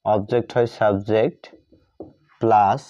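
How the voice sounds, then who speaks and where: Writing examples on the board, a Bengali-accented man works through grammar with his class, saying phrases again and spelling words out. He speaks unhurriedly in a fairly low, steady, mellow voice. There is no echo, though the recording is dull and lo-fi.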